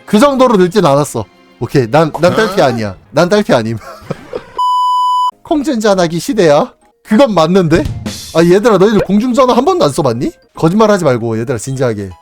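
A man's voice: high voice, huge pitch swings, brisk, music in the background. A young man in his twenties, casually chatting on a live stream, teasing his viewers with playful mock outrage and frequent laughter.

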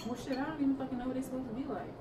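Racing along in a high voice, a young adult vlogger tackles a noodle eating challenge from her living room sofa, talking casually in a sweary, slang-heavy, blunt way. The audio is distant, roomy, and noisy, captured by a camera several meters off.

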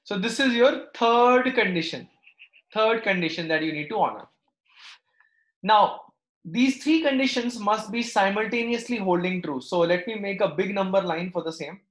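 A man's voice: high-pitched, moderate pace, fairly bright tone. A man teaching maths live, working through steps aloud and checking understanding with short questions. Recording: echoey, roomy sound.

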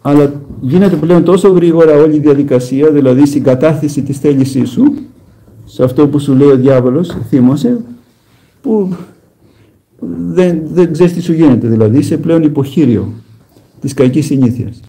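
A man preaching a conversational sermon as an Orthodox monk, telling stories with gentle humor and speaking straight to his listeners. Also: a little high, poor audio. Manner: plain storytelling with gentle humor; emphatic direct address to listeners.

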